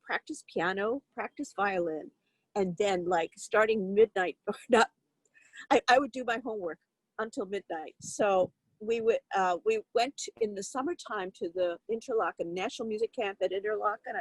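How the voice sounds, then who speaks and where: A woman's voice: mid-range voice, no echo, low-quality recording. An older woman from Turkey, a violinist, telling her life story in an interview in a reflective way, with frequent fillers and restarts. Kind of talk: conversational interview.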